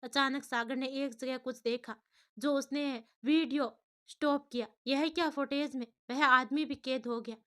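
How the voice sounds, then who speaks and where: A woman storyteller narrating in a steady, expressive way. Her voice is high, bright and clear, and it carries the story along evenly. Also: a little slow.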